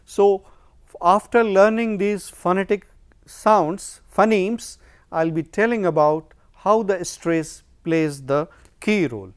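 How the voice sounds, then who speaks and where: A man's voice: sits high, slow, clean tone. A man giving a phonetics lecture, explaining step by step and answering his own questions. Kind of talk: recorded lecture.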